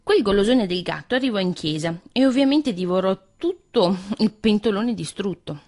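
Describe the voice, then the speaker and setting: A woman reading a fairy tale aloud as a radio storyteller, in an expressive, lilting manner. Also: mid-range voice, normal speed.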